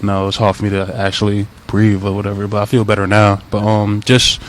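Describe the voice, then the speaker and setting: Low, flat-voiced young man. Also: slight background noise. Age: 20s. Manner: halting, soft-spoken, many fillers. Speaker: college football player. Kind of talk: media interview answers. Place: press availability.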